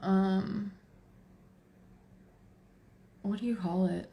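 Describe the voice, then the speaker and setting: A woman's voice: mid-range voice, fairly even intonation, unhurried, gravelly, mellow, slight background noise. A woman in her forties with a Texan accent, hosting a casual tarot livestream, chatty and laughing as she talks to her viewers and to herself. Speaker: tarot reader livestream host.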